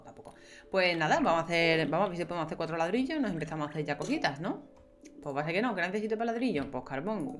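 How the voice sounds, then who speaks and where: Chatty young woman gaming. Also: deep voice. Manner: chatty, talks to herself and viewers, playful exclamations. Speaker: gameplay streamer. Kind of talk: casual gameplay commentary.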